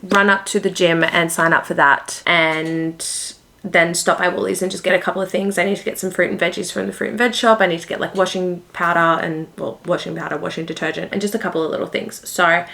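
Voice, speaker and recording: A woman's voice: on the low side, steady tone, brisk, creaky, sharp tone. A woman with an Australian accent chatting casually in a vlog, rambling along with lots of "like". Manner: rambling, heavy use of "like". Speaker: book vlogger and host.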